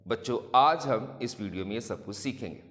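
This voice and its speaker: A man teaching a lesson to children, explaining slowly and deliberately and drawing out example words. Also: mid-range voice, animated, fairly bright tone, long reverb tail. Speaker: English teacher.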